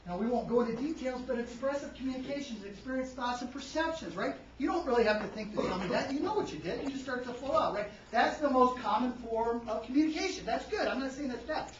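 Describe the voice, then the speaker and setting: A high-pitched man runs a lively seminar, firing questions at the room and punching certain words louder for emphasis. He is recorded from across an echoing hall. The sound is muffled and a little dull. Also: quick pace, hardly any pauses, far from the mic, a little hiss or hum. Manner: quizzes the audience, tags lines with "right?"; energetic, varies loudness for emphasis. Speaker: seminar presenter. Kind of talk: interactive workshop lecture.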